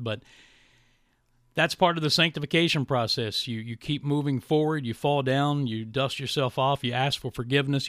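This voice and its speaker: A man hosting a podcast, talking reflectively and haltingly in a monologue to listeners. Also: medium pitch, a bit bright, clean tone, no echo, clean studio sound. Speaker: podcast and radio host. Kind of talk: monologue to listeners, partly scripted ad reads.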